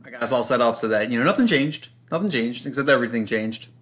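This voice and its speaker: A man co-hosts a casual live boxing stream. He talks in a loose, rambling way. His voice sits at an ordinary middle pitch. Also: expressive, fast, fairly bright tone. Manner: rambling, many fillers and restarts. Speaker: podcast co-host. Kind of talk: casual live show chat.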